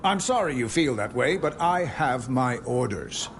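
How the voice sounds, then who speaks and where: An actor playing a mysterious hooded stranger in a video game, a dutiful guard who speaks in a guarded, formal, courteous way. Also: male voice, medium pitch, lively intonation, unhurried. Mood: respectful, resigned. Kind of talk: video game dialogue acting. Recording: clear background noise and ambience.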